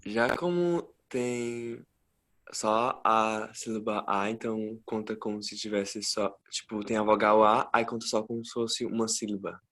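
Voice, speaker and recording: A man, a student, slowly reasoning out an answer in class. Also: fairly low pitch, steady tone, fairly bright tone. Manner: hesitant, slow reasoning aloud.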